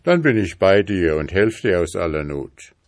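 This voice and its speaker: A man's voice: sits low, sing-song, moderate pace, no room sound, studio quality. A man voicing a wild male lion in a fairy tale who speaks kindly and urgingly. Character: wild male lion, gruff but friendly.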